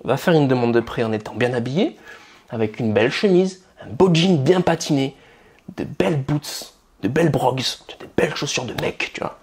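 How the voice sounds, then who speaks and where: A male coach from France talks to the camera in a loose, conversational way, blunt and a little crude, often calling the listener buddy. His pitch is mid-range for a man but swings widely and expressively from phrase to phrase. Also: animated, moderate pace, a little mellow, breathy edge. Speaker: dating and style coach. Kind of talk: casual direct-to-camera advice.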